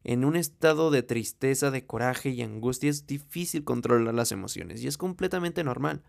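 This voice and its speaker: Blunt gravelly Mexican motivational speaker. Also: male voice, mid-range voice, animated, normal speed. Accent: Mexican Spanish. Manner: blunt, profane, preachy. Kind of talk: motivational monologue.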